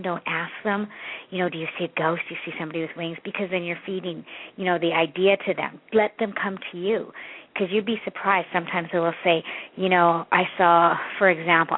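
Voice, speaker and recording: A woman's voice: lowish voice, steady tone, fairly quick. A woman in her forties from Canada, a psychic medium guest on a radio interview, talking in a rambling way, repeating words and laughing often. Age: 40s. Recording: tinny phone line.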